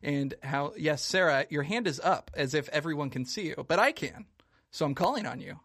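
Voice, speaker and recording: A man's voice: a little high, expressive, normal speed, a bit bright. A man hosting a casual panel chat in a jokey, sweary, conversational way. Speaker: podcast host.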